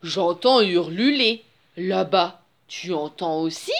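A big, lumbering monster who is easily impressed, as a woman reading aloud puts him on. He talks slowly and with wonder, and his voice rises and falls a good deal. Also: fairly low pitch, animated, a little hiss or hum. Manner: slow, wondering storybook voicing. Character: big clumsy male furry monster. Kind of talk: reading a picture book aloud.

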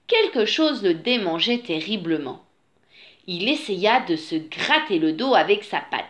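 A woman with a medium-pitched voice reads a children's story aloud in an expressive, sing-song style, coming back to a repeating refrain.

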